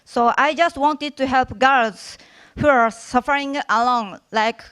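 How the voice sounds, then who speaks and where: A woman with a Japanese accent giving a prepared short conference talk in careful, halting English. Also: sits high, fairly bright tone, smooth. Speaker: conference speaker, workshop organizer. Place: conference stage.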